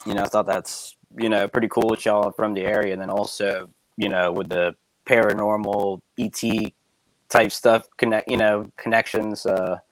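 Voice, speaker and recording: Guy on a remote call, crackly distorted earbud mic, kinda low voice, lots of uh and you know. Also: little pitch movement, dry recording. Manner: halting, full of fillers like "uh" and "you know". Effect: crackling, distorted mic audio. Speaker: podcast guest. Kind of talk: remote podcast interview. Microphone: iPhone earbud headset mic over a streaming call.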